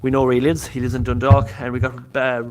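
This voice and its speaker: A man's voice: medium pitch, completely flat delivery, fast. A man from Galway with a west of Ireland accent, chatting casually and ramblingly on a live vlog, often repeating himself. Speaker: live-streaming paranormal investigator showing historic sites.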